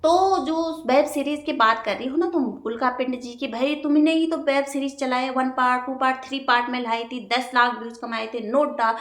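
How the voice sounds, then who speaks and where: A woman hosting a reaction vlog, speaking in heated, indignant commentary and scolding in rapid outbursts. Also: high voice, steady tone, a bit bright. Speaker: reaction video host.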